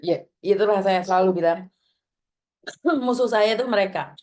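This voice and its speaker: A woman's voice: mid-range voice, normal speed. A woman hosting a call-in chat, mostly listening and murmuring agreement. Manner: listens with steady murmured acknowledgments. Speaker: host.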